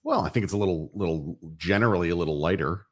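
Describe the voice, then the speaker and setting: A man co-hosting a relaxed chat about drinks. He has a very low voice and wanders through his thoughts with easy restarts. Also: fast talker, breathy edge. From Florida. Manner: easygoing, rambling, many restarts. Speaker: co-host. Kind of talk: casual chat.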